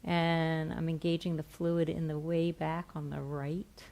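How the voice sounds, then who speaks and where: A middle-aged woman gently and softly explaining a hands-on therapy demonstration step by step on stage. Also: sits low, level tone, a little slow, creaky. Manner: gentle, soft-spoken. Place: on a stage in a theatre, indoors.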